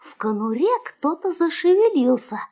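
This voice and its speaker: A woman narrating a children's fairy tale for an audio storybook, slow and expressive. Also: sits high.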